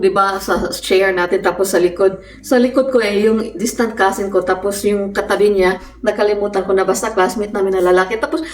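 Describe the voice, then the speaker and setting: A woman's voice: fairly high pitch, slight background noise. A woman from the Philippines chatting casually while she cooks at home, telling stories and laughing often. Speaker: vlogger. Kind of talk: casual chat while cooking. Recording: echoey room, mic at a distance.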